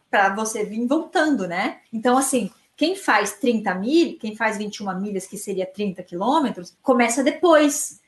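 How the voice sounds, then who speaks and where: A high-pitched woman tells a story in a lively, self-mocking way, acting out every quoted exchange. Her voice rings in an echoey room. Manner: animated, self-mocking, acts out quoted dialogue. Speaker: amateur marathon runner. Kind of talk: casual storytelling.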